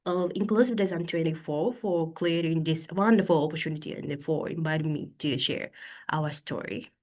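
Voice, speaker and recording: A Japanese woman in her thirties gives a conference talk in English, her second language, over a video call. She speaks carefully and haltingly with many fillers, sounding a little stuffy from hay fever, in a fairly low-pitched, darkish voice.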